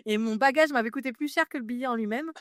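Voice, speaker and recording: In a casual interview, a woman from France in her thirties tells her story chattily, with lots of fillers and restarts. Her voice is a little high and her pace moderate, captured in clean studio sound without room tone.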